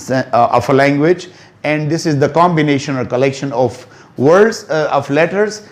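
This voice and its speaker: A man's voice: on the high side, a little mellow. A man teaching English grammar in a lecture, mixing Hindi-Urdu and English and drawing out example words as he explains. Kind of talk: classroom lecture.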